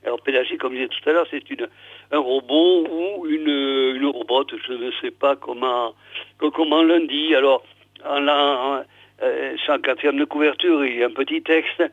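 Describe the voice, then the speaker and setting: A man reads a book aloud for radio, breaking off to explain the story in a halting, filler-heavy way. His voice sits at an ordinary middle pitch. The sound is thin and phone-like, with no room echo at all. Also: steady tone. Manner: hesitant, many fillers and restarts. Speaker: radio reader. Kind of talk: reading a book aloud with comments.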